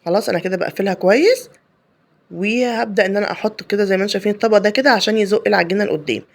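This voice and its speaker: Woman, Egyptian Arabic accent, home cooking host, fast talker, chatty, explains step by step. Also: mid-range voice, vocal fry. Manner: chatty and explanatory, many fillers and restarts. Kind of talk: casual cooking tutorial voice-over.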